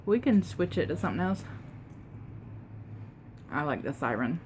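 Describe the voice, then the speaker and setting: A woman tells a casual, unhurried story while eating, pausing to chew and sometimes talking with her mouth full, with emphatic retelling. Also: low-pitched, sing-song, a little mellow, a little hiss or hum. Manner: unhurried, conversational, emphatic retelling with quoted exchanges. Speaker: mukbang vlogger.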